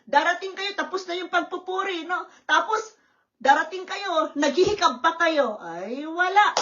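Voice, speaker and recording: A woman pastor preaching a sermon at a church service, lively and often checking in with the congregation. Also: very high-pitched, normal speed, highs cut off. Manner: lively, questioning the congregation with tag words.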